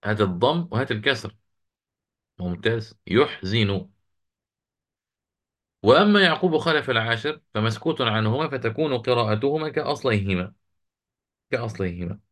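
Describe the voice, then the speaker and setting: A man teaching a lesson on Quranic recitation, answering students' questions and slowly chanting the verses he quotes. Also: mid-range voice, expressive, fairly bright tone.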